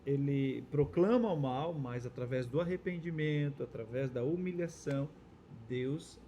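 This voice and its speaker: A man's voice: medium pitch, measured pace, dark tone, a little hiss or hum. A Brazilian man co-hosting a Bible study dialogue, agreeing often and adding his own points. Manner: affirming, chimes in with agreement and adds points. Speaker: church co-host.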